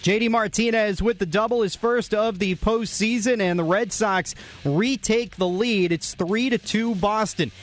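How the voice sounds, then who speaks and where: A high-pitched man with an American accent narrates a sports recap as a radio host, moving through the game's highlights at a measured pace. Soft music plays in the background.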